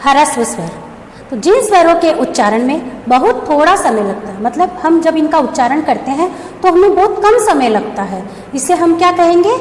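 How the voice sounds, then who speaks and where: Lively high-voiced woman teaching in an echoey room. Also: normal speed. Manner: explains step by step, asks and answers her own questions. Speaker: school teacher. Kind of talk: Hindi grammar lesson. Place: classroom or school room. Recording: echoey room with long reverb, faint background hum.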